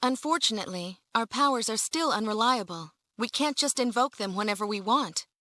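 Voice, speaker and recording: A woman's voice: on the high side, lively intonation, a little fast, pushed and bright, no room sound, studio quality. A woman playing a cool, serious young heroine in a video game, composed and matter-of-fact. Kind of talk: dramatic video game voice acting.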